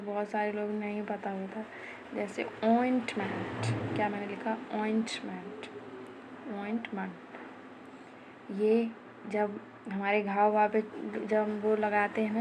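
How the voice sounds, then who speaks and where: A woman teaching vocabulary slowly and deliberately, in a mellow, low-key voice that stays flat in pitch. She repeats each word back as a question and its answer, and her voice often sinks to a whisper. A faint hiss sits under the recording. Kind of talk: vocabulary lesson, writing and explaining words.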